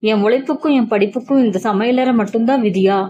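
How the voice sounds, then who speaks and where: A woman's voice: fairly high pitch, quick pace, warm tone, dull audio, lightly acted. A woman voicing a proud young woman, a dismissed lecturer, speaking with indignant emphasis in a story reading. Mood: aggrieved.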